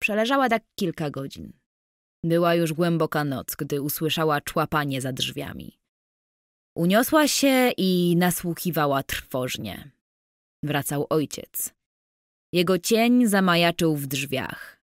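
A woman narrating an audiobook in a measured, even storytelling manner. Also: sits low, no room sound, studio quality.

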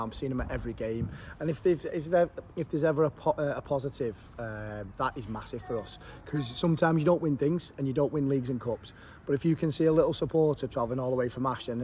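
Earnest English football manager outdoors. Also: male voice, mid-range voice, mellow, slight background noise. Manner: earnest, emphatic, repeats words while thinking. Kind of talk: post-match interview. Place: outdoors at a football ground, pitch behind.

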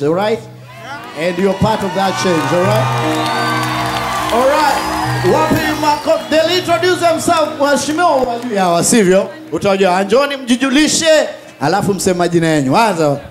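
A man hosting a live comedy show, hyping the crowd loudly in a mix of languages. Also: sits high. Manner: loud, hyping the crowd, mixing Swahili and English. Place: large outdoor concert stage with cheering crowd. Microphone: handheld mic. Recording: live stage mic over music and crowd.

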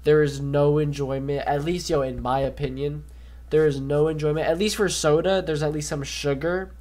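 A man's voice: a little high, fairly even intonation, moderate pace, a little mellow. A man reacting to a video for his stream, talking in loose slang and swearing as he speaks to his chat. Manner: slangy, profane, talks straight to chat. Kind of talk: casual reaction commentary.

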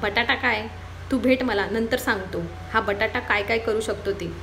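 A woman's voice: on the high side, moderate pace, fairly bright tone, soft background music. A woman voicing a playful young man who boasts and teases his sister, read in a storybook telling. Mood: teasing. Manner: boastful, teasing.

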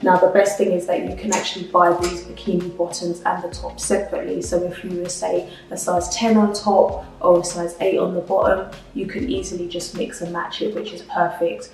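Woman, thirties, upbeat haul chatter, fairly low voice, flat delivery, very echoey room, mic at a distance. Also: moderate pace, creaky, hardly any pauses, faint music behind. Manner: chatty and upbeat, often addresses viewers as guys. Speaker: fashion vlogger. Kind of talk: try-on haul review. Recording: roomy echo, mic at a distance.

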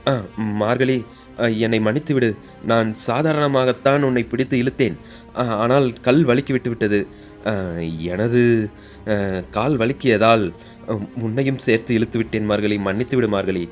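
A man's voice: medium pitch, measured pace, soft background music, natural voice. A man doing an earnest, pleading young warrior. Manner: pleading, apologetic.

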